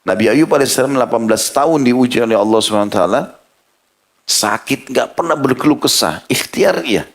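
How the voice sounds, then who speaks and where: A man's voice: medium pitch, a little fast. A man preaching a sermon, telling a story and acting out the quoted speech of its people. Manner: lively storyteller who acts out quoted speech. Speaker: Islamic preacher.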